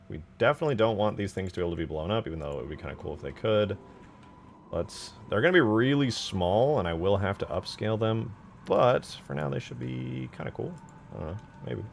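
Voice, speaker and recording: This man's voice is low and gravelly. As a streamer working on game mods, he offers relaxed live commentary, musing aloud and posing informal questions to himself.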